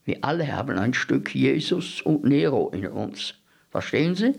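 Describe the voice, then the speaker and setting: A man's voice: mid-range voice, big pitch swings, normal speed, vocal fry, full character voice. A man voicing an eager, bookish man who lectures insistently in a story reading. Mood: lecturing. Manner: didactic, insistent, repeats questions.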